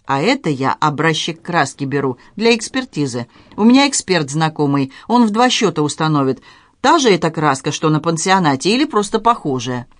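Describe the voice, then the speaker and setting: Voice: medium pitch, a little fast, no echo, natural voice. A reader playing a cool, shrewd woman sleuth. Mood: calm ironic. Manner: calm, ironic, quietly menacing. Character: shrewd, unflappable middle-aged woman amateur sleuth.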